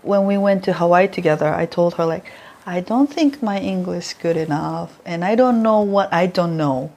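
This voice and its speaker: As an interview guest, this young former reporter from Japan chats in a Japanese accent and laughs a lot while telling stories playfully. She speaks at normal speed in a lowish voice that's gravelly and slightly mellow.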